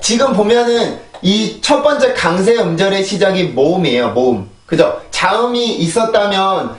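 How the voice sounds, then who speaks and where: A man's voice: sits high, far from the mic. A man teaching English pronunciation, explaining step by step and drilling words aloud in repeated sets. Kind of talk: online pronunciation lesson. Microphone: shotgun mic on a phone. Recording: roomy echo, voice set back from the mic.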